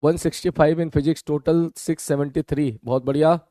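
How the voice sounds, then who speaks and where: A man leads a live online physics class with a mouth ulcer, so he holds back from his usual fast delivery. His voice sits a little high but sounds dark and mellow, with a dry, close sound. He keeps checking in with his students. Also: flat delivery, dry recording. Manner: addresses students as beta, checks understanding. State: mouth ulcer, speaking slower than usual. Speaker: physics teacher.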